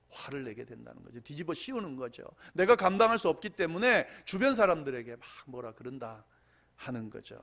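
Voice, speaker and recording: Male pastor mid-sermon, animated, voice swoops up on quotes and falls away at line ends. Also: medium pitch. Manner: animated preaching, voice rising on quoted cries and dropping at line ends.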